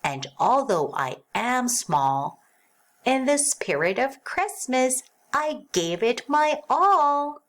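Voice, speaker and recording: A woman voicing a small, plucky, cheerful male cat from a storybook, exclaiming in a slow sing-song. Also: high voice, very animated, voice pushed up, heavily acted. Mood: proud.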